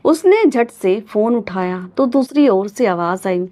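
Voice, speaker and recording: A woman narrating a moral family story in a scripted reading, voicing every character in one steady voice. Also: mid-range voice, unhurried.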